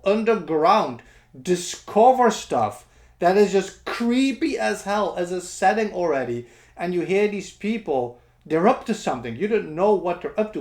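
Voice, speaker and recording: A man giving informal, expressive, slangy commentary on a video game, mixing play with review remarks. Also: fairly high pitch.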